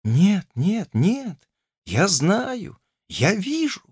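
A man reading an audiobook voices a gentle, fatalistic young woman who speaks softly and tenderly. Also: high-pitched, wildly swooping pitch, extremely slow, husky, no room sound, clean studio sound, voice pushed up, full character voice. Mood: tender, fearful. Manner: soft, tender, quietly insistent.

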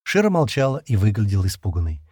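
Male audiobook narrator, lively intonation, slightly husky. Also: lowish voice, quick pace, dry recording, studio quality. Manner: expressive, lively reading. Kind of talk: scripted narration.

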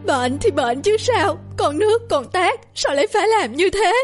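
A woman's voice: very high-pitched, expressive, normal speed, soft background music, voice pushed up. A woman voicing a grieving middle-aged mother, tearful and pleading in an audio story. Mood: anguished sobbing.

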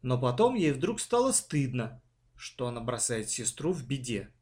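Man with an animated storytelling voice. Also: mid-range voice, moderate pace. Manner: dramatic, animated narration. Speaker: narrator. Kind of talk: expressive storybook reading.

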